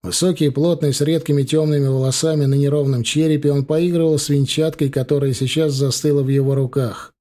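A man reading a first-person audiobook story in a cool, measured voice. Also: fairly high pitch, fairly even intonation, mellow. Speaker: audiobook narrator.

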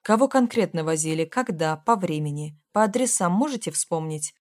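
A woman's voice: lowish voice, lively intonation, moderate pace, no room sound, clean studio sound, natural voice. A woman reading an audiobook, voicing a middle-aged male investigator who questions curtly. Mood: stern. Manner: curt, questioning.

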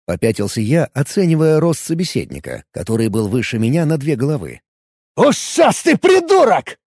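A man narrating a first-person fantasy game story as an audiobook, in a lively storytelling manner. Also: medium pitch, fairly quick, no room sound, studio quality.

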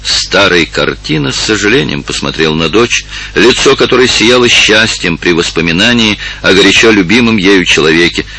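Male audiobook narrator: lower pitch, bright husky timbre, measured and expressive. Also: poor audio. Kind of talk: scripted narration.

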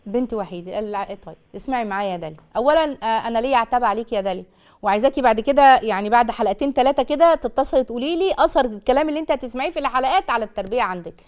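A woman with an Egyptian accent hosting a call-in parenting advice show, giving fast and emphatic advice like a teacher. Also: fairly high pitch, lively intonation, a little mellow. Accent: Egyptian Arabic.

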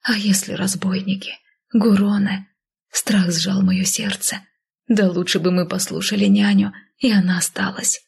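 Husky, gravelly woman narrating an audiobook. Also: medium pitch, little pitch movement, a little slow, darkish tone. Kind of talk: first-person audiobook narration.

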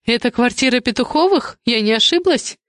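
A woman's voice: high voice, a little slow, no room sound, clean studio sound, voice pushed up. A woman voicing a frantic middle-aged mother and manager, pleading and bewildered, near tears, in a raised voice.

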